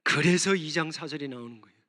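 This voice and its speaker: A man's voice: on the high side, fast talker, sharp tone. A Korean man preaching a sermon as pastor, impassioned, voicing prayers aloud. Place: church sanctuary. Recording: long reverb of a church hall.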